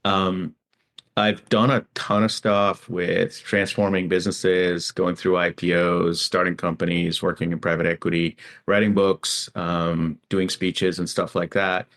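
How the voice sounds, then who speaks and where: A middle-aged man from Guyana, a tech futurist guest in an interview, talking in a relaxed way with many fillers. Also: low voice, unhurried. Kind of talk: conversational interview.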